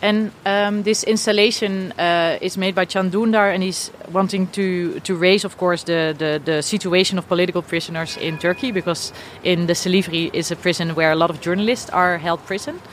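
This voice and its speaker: A woman interviewer speaking conversationally, feeling her way through explanations and questions with halting phrasing. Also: on the low side, steady tone, slight background noise. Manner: tentative, halting phrasing with frequent backchannels.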